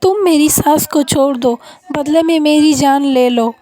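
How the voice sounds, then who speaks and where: A woman voicing a patient, dutiful young daughter-in-law in a storybook tale, speaking gently and pleadingly. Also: sits high, measured pace. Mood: resolute.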